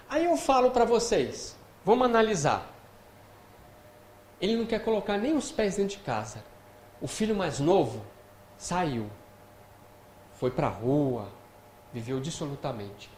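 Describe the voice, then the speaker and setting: In the lecture hall of a spiritist center, a man with a Brazilian Portuguese accent gives a conversational talk on scripture, frequently checking in with his audience. His voice is high-pitched with a darkish tone, and the hall is echoey with faint noise.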